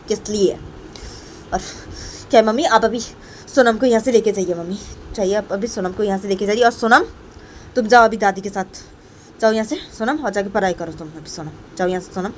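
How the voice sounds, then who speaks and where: A woman voicing a furious young mother in a storybook tale, shouting and repeating angry questions. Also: medium pitch, slight background noise, close to an everyday voice. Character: furious young mother scolding her partner.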